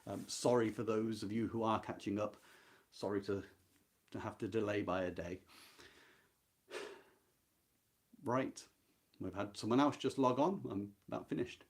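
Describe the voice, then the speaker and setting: This book club host speaks at a fairly low pitch, unhurried and pausing often. He's reflecting live and informally on a classic novel, earnest and emphatic in his take on the literature.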